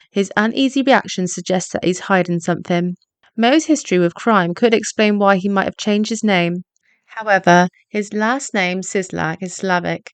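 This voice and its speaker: A woman narrates a scripted video essay in a measured, explanatory manner. Her pitch sits in the middle. The recording is close and dry, with no room sound. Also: smooth, dry recording.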